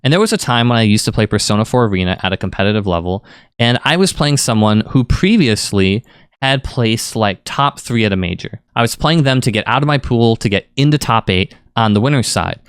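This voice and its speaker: A man coaching on fighting-game tactics in a casual, rambling, conversational way, stressing key points with lively emphasis. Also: fairly low pitch, a little fast, clean tone, no echo, clean studio sound. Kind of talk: casual explanatory commentary.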